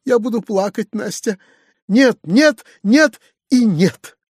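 A high, breathless lady spills over with delight, her voice shooting up and pushing louder on every exclamation, as a male reader puts her on. Her talk comes in gushing, high-strung bursts, a storybook spinster overcome by joy. The voice is close and dry, with no room around it. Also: big pitch swings, normal speed, no echo. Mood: ecstatic gushing.

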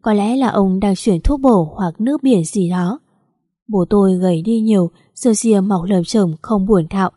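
Woman, first-person story narration, calm steady reading, mellow dark voice, dry close sound. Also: mid-range voice, moderate pace, breathy edge, dry recording.

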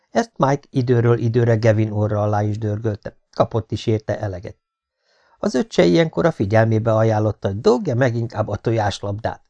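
A man reading an audiobook novel in a steady, measured narration. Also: mid-range voice, muffled recording.

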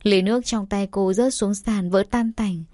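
A woman narrating a dramatic romance story in a steady, emotive reading style. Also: mid-range voice, normal speed, dry recording, studio quality. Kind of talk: scripted romance audiobook narration.

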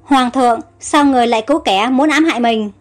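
A loyal general, read by a woman, addresses his ruler in an anxious, deferential tone. The voice is high-pitched. Faint music sits in the background. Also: fast talker, natural voice. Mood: reproachful. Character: loyal worried male army general.

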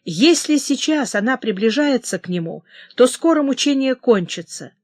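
A woman narrating a historical novel in a steady, dramatic reading. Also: high voice, moderate pace, no echo, studio quality. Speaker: audiobook narrator. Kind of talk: scripted narration.

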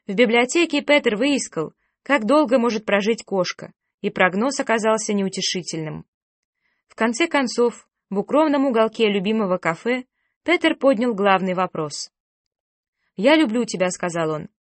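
A woman narrating an audiobook in a measured, steady reading voice on a close microphone. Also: medium pitch, no echo.

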